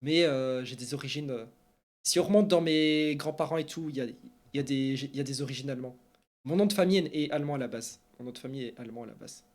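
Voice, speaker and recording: Speaking fast at a medium pitch, a man from Belgium runs an esports news stream and answers questions from viewers. The chat is casual and rambling, thick with fillers, and he sounds animated and chatty throughout.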